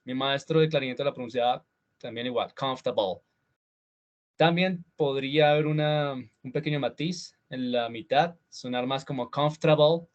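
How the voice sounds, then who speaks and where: A man teaching English pronunciation in an online class, relaxed and chatty, slowing down to say model words again and again. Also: a little high, highs cut off. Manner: switches to slow, drawn-out model words and repeats them; relaxed, chatty teaching with fillers and small laughs. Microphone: computer mic on a video call.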